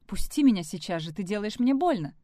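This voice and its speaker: A woman reading the part of a sharp-tongued young fiancée, speaking in a heated, sharp way. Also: mid-range voice, sing-song, normal speed, no echo, studio quality, lightly acted.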